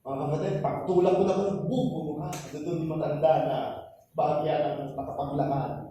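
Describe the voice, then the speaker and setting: A male pastor delivers an animated sermon, mixing Tagalog and English as he tells his stories. His voice sits high yet mellow. It is picked up from a distance in a very echoey church with faint noise underneath. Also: fairly quick. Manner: animated storytelling, switching between Tagalog and English. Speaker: pastor and missionary. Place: church sanctuary.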